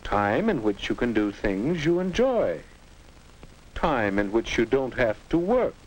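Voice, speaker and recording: A man playing a patient, instructive narrator in a 1950s educational film, guiding a teenager in a reassuring, measured way. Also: medium pitch, sing-song, slight background noise, low-quality recording.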